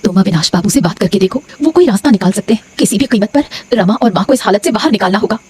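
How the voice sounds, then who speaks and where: Woman doing an anxious pleading cartoon wife, quick lively voice, music behind. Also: medium pitch, slight background noise, lightly acted. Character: worried pleading young wife, caring. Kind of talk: cartoon voice acting. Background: background music.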